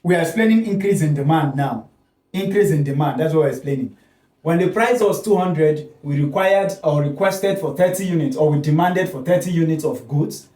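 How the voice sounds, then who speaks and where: An economics lecture echoes through the room, the teacher's voice distant, fairly high-pitched and mellow at a moderate pace. Working at the board, he asks questions he then answers and often adds "okay?"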